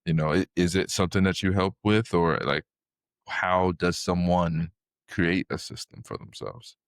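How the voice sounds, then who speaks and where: A man hosts a podcast in a very low, deep voice. He asks his questions haltingly, restarting often and pressing eagerly for more. The recording is dry and close. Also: fairly even intonation, no echo. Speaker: podcast host. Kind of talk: podcast interview.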